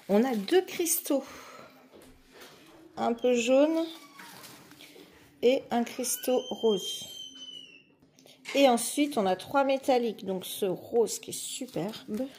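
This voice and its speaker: Chatty woman with a mellow voice. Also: on the high side. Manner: chatty and enthusiastic, with fillers and restarts. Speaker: diamond painting vlogger. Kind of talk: casual unboxing chat.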